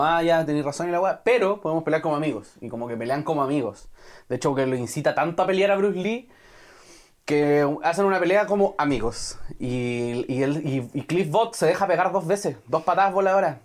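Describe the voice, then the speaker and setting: Slangy Chilean young man retelling a film. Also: fairly high pitch. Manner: animated retelling with slang and profanity. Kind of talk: casual chat.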